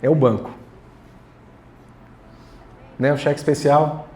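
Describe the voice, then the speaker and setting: A man's voice: fairly high pitch, fairly even intonation, slow pace, darkish tone. A man preaching a sermon as pastor, casual and joking, talking straight to the congregation. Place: church hall.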